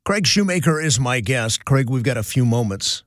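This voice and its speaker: A male host interviewing a comedian in a relaxed way, chiming in with agreement. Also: mid-range voice, normal speed, dry recording, studio quality. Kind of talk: radio-style interview.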